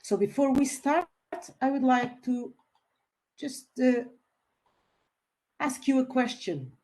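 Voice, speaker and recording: A woman's voice: sits high, slow pace, a little mellow. A woman from Portugal giving a webinar presentation over a video call, polite and a little hesitant, with some fillers. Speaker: webinar speaker, company founder.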